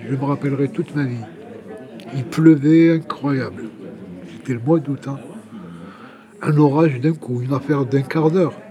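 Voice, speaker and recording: A Kabyle man from Algeria in his 60s, an exiled journalist now homeless, gives a personal testimony in an interview. His medium-pitched voice has a dark tone and a measured pace with frequent pauses. He talks informally and conversationally, repeating words while he searches for the next one.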